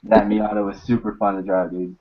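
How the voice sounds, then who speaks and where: Low-voiced young man, casual and slangy. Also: flat delivery, a little fast, muffled recording. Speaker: motovlogger in a group hangout. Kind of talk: casual group chat.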